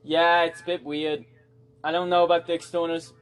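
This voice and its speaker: On the high side and level in tone, a young man's voice moves at a moderate pace, with a little hiss or hum on the recording. He co-hosts a podcast, bantering casually among friends in a defensive, joking manner full of swearing and laughter.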